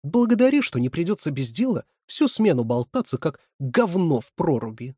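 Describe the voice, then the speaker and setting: Male narrator doing a stern young female counselor, high and loud, husky, scolding. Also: sing-song, moderate pace, no echo, clean studio sound, full character voice. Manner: scolding, commanding.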